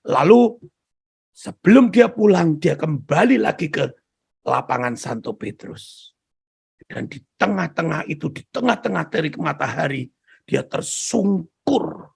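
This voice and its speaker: A man preaching a sermon, telling a story in an animated, dramatic way. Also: on the high side, measured pace, vocal fry, breathy edge.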